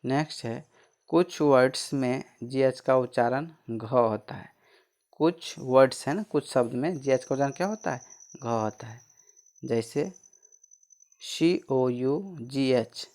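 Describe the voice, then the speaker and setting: A man gives a pronunciation lesson at an unhurried, deliberate pace. He spells out each word letter by letter, then says it again slowly. He poses questions to the class and answers them himself. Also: mid-range voice, a little mellow. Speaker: teacher.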